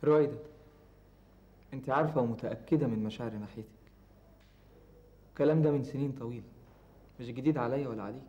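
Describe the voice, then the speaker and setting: A man's voice: mid-range voice, fast, long pauses, dark tone, natural voice. An actor playing an Egyptian engineer torn between his mother and a woman he once loved, pleading and sometimes exasperated, with an Egyptian accent. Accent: Egyptian Arabic. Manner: pleading, rising to exasperated outbursts. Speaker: actor in TV drama. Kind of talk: Egyptian TV drama acting. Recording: roomy, dull TV drama sound.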